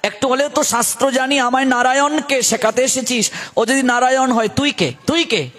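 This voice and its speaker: Man putting on a stern shouting mother, middle-aged, scolding, high voice. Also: moderate pace.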